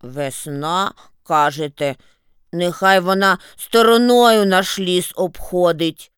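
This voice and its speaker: Woman playing a grumpy old snowdrift, low grumble, rude scolding, slow words, smooth clear voice. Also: no room sound, studio quality. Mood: grumbling.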